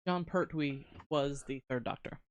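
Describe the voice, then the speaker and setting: A tired woman co-hosting a casual livestream chat, teasing and quick with facts. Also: very deep voice. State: tired, yawning. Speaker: podcast co-host.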